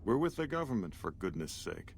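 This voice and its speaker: A pompous, condescending scientist from a video game. His voice sits slightly low, and he talks down to the listener in formal, self-important phrases. There is faint background noise. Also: sing-song, a little fast, creaky. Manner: pompous, formal, rhetorical diction. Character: pompous, condescending male scientist, director of operations. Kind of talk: video game character dialogue. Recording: noisy game audio with background ambience.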